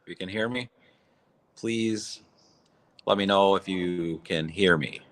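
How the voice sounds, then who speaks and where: A man's voice: low-pitched, slow pace, a bit bright. A man hosting a casual livestream from a barn, his voice echoing, talking in a raw, blunt, rambling way. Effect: echoey barn sound. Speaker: livestream host. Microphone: phone or app mic.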